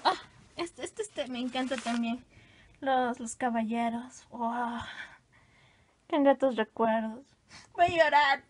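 A woman casually showing off her old hand drawings, gushing and exclaiming as she goes. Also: on the high side. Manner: gushing, exclamatory, self-teasing. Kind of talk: casual show-and-tell.

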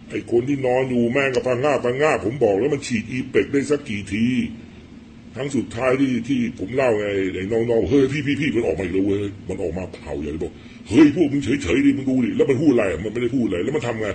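A middle-aged man giving blunt, rough-spoken political commentary in a casual storytelling monologue. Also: medium pitch, darkish tone, slight background noise.

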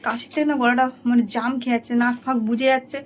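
A woman chatting to her viewers in a rambling home vlog, her voice hoarse from a cold. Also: a little high, flat delivery, racing, slight background noise. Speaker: home vlogger.

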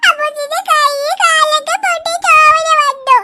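A woman voicing a small hurt girl in a cartoon who sobs and pleads in a whiny, drawn-out way. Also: extremely high pitch, fairly even intonation, heavy background noise. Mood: tearful. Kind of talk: cartoon voice acting.

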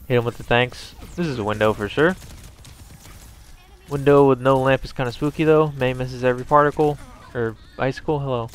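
Gravelly-voiced man commenting on his gameplay. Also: mid-range voice. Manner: wry, sarcastic, profane.

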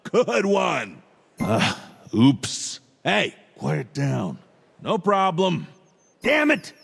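An actor with an American accent playing a gruff, bossy middle-aged small-town police chief in a video game, giving clipped, commanding lines. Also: male voice, fairly high pitch, wildly swooping pitch, extremely slow, a bit bright, in a large hall, slight background noise, heavily acted. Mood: gruff, curt.

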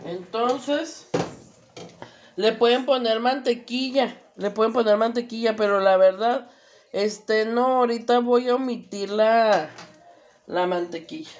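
Her voice a little high, a Mexican-accented woman gives a slow, chatty cooking demonstration at home, with many fillers. Recorded by a camera across the stove, the audio is dull and the background noisy.

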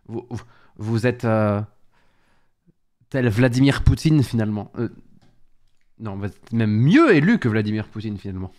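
A man hosting a casual live stream while sick with a head cold, sniffly and stop-start. He talks at an ordinary mid pitch, repeats himself as he goes, and bursts out in exclamations when his gear misbehaves. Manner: chatty, restarts often, exclaims at tech trouble.

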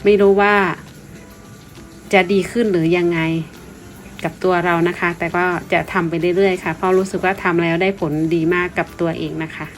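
A woman's voice: fairly low pitch, steady tone, normal speed, soft background music. A woman from Thailand talks as a vlogger in a polite, explanatory way, informally and with some repeated words. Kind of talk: informal explanatory vlog narration.

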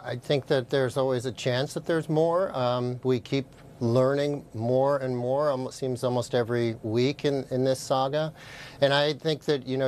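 A man speaking as a news panel analyst, careful and deliberate. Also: mid-range voice, a little mellow, a little hiss or hum.

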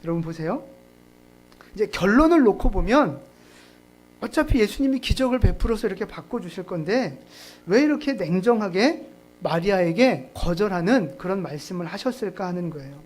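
A pastor delivers a sermon at a church service in a relaxed, conversational voice of middle pitch. The preacher jokes and laughs along the way and keeps turning to the congregation with questions. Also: normal speed.

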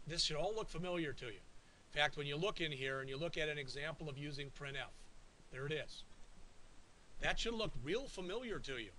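A man's voice: on the high side, sharp tone, poor audio. A man teaching a college programming class, talking conversationally and checking in often with the students. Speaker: college instructor. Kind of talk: classroom lecture. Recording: faint hiss.

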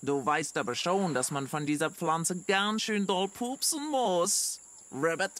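Woman doing a male frog, English accent, croaking, bright tone, slow, children's storybook. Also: on the low side. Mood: chatty warning. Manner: croaks "ribbit", mixes in English words.

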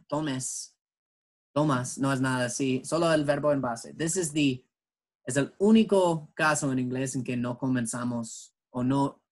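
Slow, patient bilingual English teacher man. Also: medium pitch, rough recording. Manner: slow, patient explaining, switching between English and Spanish. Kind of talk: bilingual classroom lesson.

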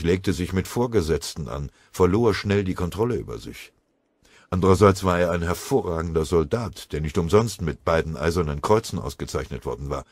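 A man narrating a war audiobook in a grave, measured way. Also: deep voice, a little mellow, no echo. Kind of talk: scripted war story narration.

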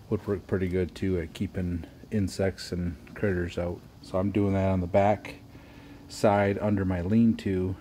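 A man's voice: sits low, warm tone, slight background noise. A middle-aged man in a pole barn workshop, plainly explaining how he puts up steel siding, step by step, with small restarts. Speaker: homestead video host. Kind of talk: casual how-to narration.

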